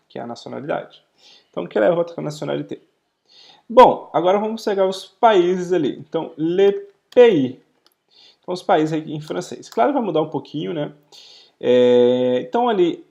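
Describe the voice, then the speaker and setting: A man with a Brazilian Portuguese accent teaching a live online French lesson, explaining step by step with frequent "ok?" checks and slowing down to pronounce the French words. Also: a little high, gravelly, a little mellow.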